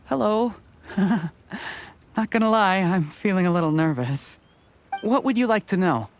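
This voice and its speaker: Personable young male candidate for a game: earnest, articulate, lightish pitch, animated delivery. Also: unhurried, faint music behind. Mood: friendly, slightly nervous. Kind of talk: anime-style game voice acting.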